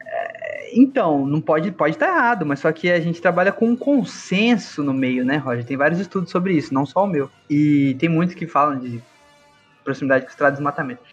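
A man's voice: a little high, expressive, a little fast. A young Brazilian man hosting a podcast, telling stories in casual, slangy chat with lots of animation. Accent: Brazilian Portuguese. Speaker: podcast host. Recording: dull lo-fi sound with faint music.

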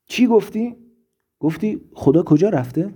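A man voicing a raving, ailing philosopher who declaims loudly and grandly. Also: medium pitch, lively intonation, slightly rough. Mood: ranting.

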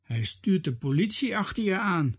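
A storyteller voicing a calm, stern father in a read-aloud children's story, lowering the voice for him. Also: normal speed, slightly rough, full character voice. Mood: warning. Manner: gentle, warning.

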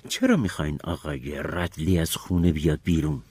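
A man voicing Atticus, a calm but stern lawyer father who scolds his children firmly in a Persian audiobook drama. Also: rumbling low, breathy edge, no echo, studio quality, full character voice. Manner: firm, measured, scolding.

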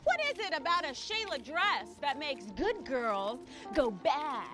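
An actress playing a brash, showy publicist in a sitcom. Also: female voice, high-pitched, animated, a little slow, music in the background.

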